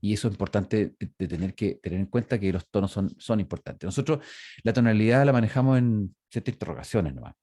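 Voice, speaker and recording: A middle-aged man lectures over a video call. His voice sits low and mellow, and the sound is close and dry with no room around it. He explains step by step, with many fillers and restarts. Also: expressive, fast, no echo. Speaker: university lecturer. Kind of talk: online lecture. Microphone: video call microphone.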